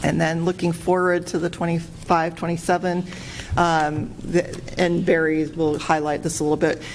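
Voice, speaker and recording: A woman's voice: deep voice, slight background noise. A woman on city staff presenting a public works update at a budget meeting, hesitant and full of fillers, in a meeting room.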